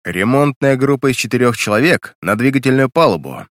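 A man's voice: mid-range voice, lively intonation, fairly quick, a bit bright, dry recording, studio quality, close to an everyday voice. A man doing a mocking sadistic commander. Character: cruel, power-drunk male commander.

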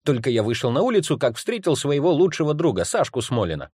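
A man narrates a comic first-person story with wry irony, his voice rising and falling freely as he tells it. The reading is close and dry, with no room around it. His pitch sits in the middle of the range. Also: fast, slightly rough, no room sound. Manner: ironic, animated storytelling. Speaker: audiobook reader.

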